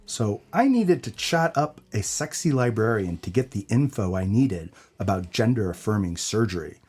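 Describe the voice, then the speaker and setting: A man's voice: lowish voice, a little mellow, slightly rough. A man playing a brash, dim hard-boiled noir detective in a comedic audio drama, with a tough-guy delivery.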